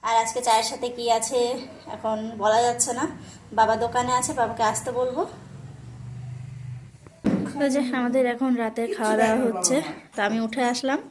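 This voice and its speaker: High-voiced woman vlogging at home. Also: steady tone, moderate pace, pauses often, slight background noise. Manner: cooing baby talk to small children, then plain narration. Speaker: family vlogger and mother. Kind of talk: casual home vlog narration. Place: family home, indoors.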